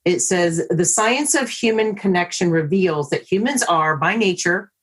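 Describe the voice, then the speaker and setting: A woman's voice: lowish voice, expressive, a little slow, fairly bright tone. A woman hosting an interview on a video call, encouraging her guests and reading out a passage. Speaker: host.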